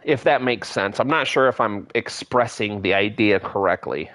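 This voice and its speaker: Playing a space game, a thirties-aged male streamer offers loose, wandering commentary while he builds, musing out loud. His pitch is fairly low and a touch bright, and he talks at a normal speed.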